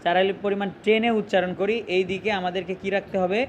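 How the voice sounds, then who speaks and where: A man's voice: high voice, level tone, fast, slight background noise. A man teaching a Quran reading lesson, drawing out letters and asking questions that he answers himself.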